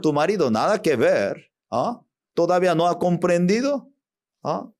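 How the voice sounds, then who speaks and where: A man preaching a sermon in halting, Spanish. His fairly high voice swings widely in pitch as he slips into the voices of pleading mothers and demanding children. He takes his time, leaning on each word. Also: big pitch swings, a little mellow. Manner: acts out short quoted voices of mothers and children, slow emphatic delivery; non-native Spanish with broken grammar. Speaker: pastor.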